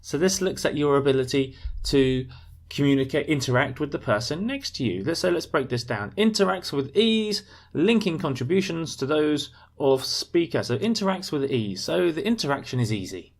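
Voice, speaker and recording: A man's voice: fairly high pitch, expressive, normal speed, vocal fry. A man teaching an English exam lesson, explaining the marking step by step with examples. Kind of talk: instructional video lesson.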